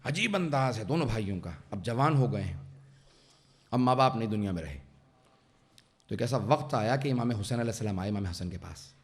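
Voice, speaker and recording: A man's voice: on the low side, expressive, pauses often. A man preaching a mourning sermon who tells the story to the gathering and builds into impassioned, tearful recitation. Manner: addresses the audience directly. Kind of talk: Urdu majlis sermon. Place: religious centre hall.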